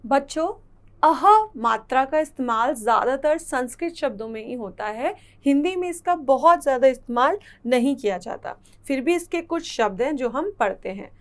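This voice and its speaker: A woman teaching young children a Hindi lesson, saying each sound slowly and repeating it patiently. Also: sits high, expressive. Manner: slow, patient, repeats sounds clearly for kids.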